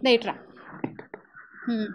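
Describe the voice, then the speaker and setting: A woman's voice: takes it slowly, a little hiss or hum. A young woman anchor chatting playfully with children, teasing them and asking questions. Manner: chatty, teasing, talks to kids in a friendly way.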